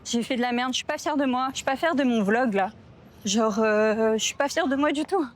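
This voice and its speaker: A young female travel vlogger chats casually to camera, recorded on the camera mic, in a slightly high, slightly fast voice. She rambles and mocks herself, full of slang and fillers, while sounding upset and hungry.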